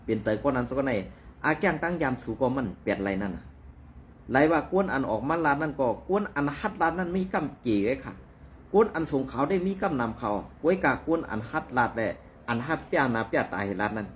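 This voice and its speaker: A man talks through the news in a loose, conversational commentary, full of fillers and asides. His pitch rises and falls a great deal as he goes, though it sits in an ordinary middle register. Faint background noise runs under his voice. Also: animated, quick pace.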